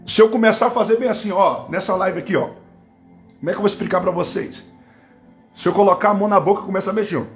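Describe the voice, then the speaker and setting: Fervent Brazilian preacher, high voice. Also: male voice, quick pace, faint music behind. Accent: Brazilian Portuguese. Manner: fervent, swinging between loud bursts and low asides, speaking in tongues. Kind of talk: live-streamed Pentecostal sermon. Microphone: webcam or phone on a live stream.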